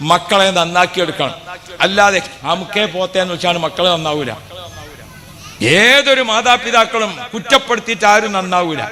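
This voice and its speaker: A man's voice: high-pitched, moderate pace, pushed and bright, in a large hall. A man preaching a sermon, storytelling with rhetorical questions and acted quotes. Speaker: Islamic preacher.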